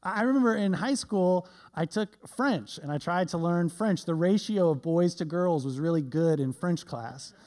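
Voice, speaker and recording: A man's voice: high voice, normal speed, hardly any pauses, a little mellow. A male pastor giving a conversational sermon with self-deprecating humor, often tagging his points with "right?".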